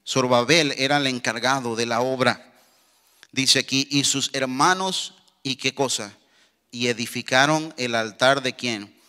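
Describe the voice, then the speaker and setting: A man's voice: medium pitch, sharp tone. A man preaching a sermon as pastor, with a fervent manner, repeatedly calling out to the congregation and asking them to agree. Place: church sanctuary. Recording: long church hall reverb.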